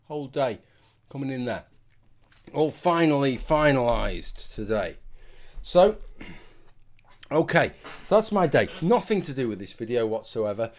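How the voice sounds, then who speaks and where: A British man with a mid-range, animated voice talks to his viewers at a moderate pace. He's a video commentator giving a casual, rambling opinion monologue, tipsy and sweary.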